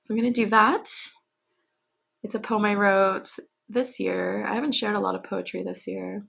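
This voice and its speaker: A woman's voice: mid-range voice, steady tone, normal speed, creaky, a bit bright, husky. A woman podcaster chatting casually and then reading her own poem aloud, with a self-deprecating manner. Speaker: podcast host and poet. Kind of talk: casual chat and poetry reading.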